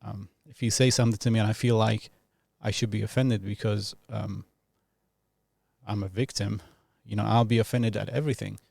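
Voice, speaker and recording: A man in his thirties from Iraq, talking as a podcast guest in a thoughtful, reflective way, pausing often and laughing easily. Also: lowish voice, fairly even intonation, gravelly, darkish tone, no echo, clean studio sound. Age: 30s. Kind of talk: casual reflective interview talk.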